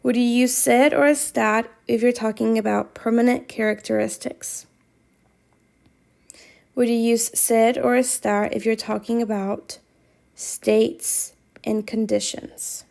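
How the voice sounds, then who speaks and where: Slow, patient woman teaching a quiz. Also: a little high, steady tone, vocal fry, darkish tone. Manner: slow, patient, repeats instructions. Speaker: Spanish teacher. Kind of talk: reading quiz questions to students.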